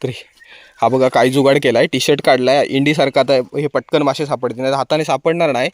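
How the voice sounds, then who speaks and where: A man's voice: medium pitch, steady tone, quick pace, no echo. A man vlogging outdoors by a stream pool, cheerfully urging children on as they catch fish. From Konkan, India. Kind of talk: casual outdoor vlog narration.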